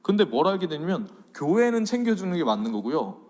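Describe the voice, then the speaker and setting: Animated Korean pastor with hall reverb. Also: male voice, a little high, a little fast. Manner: animated, swings between loud and soft. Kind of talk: sermon-style faith lecture.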